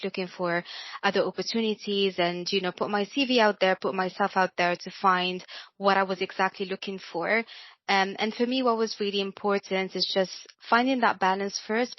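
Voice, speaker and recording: Young woman raised in Morocco, English not her first language, relaxed hesitant interview guest, mid-pitched, muffled dry audio. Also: no room sound. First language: not English; works in French and Arabic. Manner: hesitant, many fillers and restarts. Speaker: guest, financial consultant. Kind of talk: casual interview chat. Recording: dull, lo-fi, dry sound.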